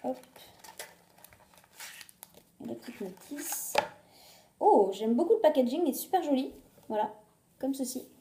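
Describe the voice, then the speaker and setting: High, dark-toned French-speaking woman vlogger. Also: lively intonation, normal speed, reverberant, slight background noise. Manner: chatty, hesitant, many fillers and restarts. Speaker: beauty and shopping vlogger. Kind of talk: casual haul video. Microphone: phone on a glass on a table.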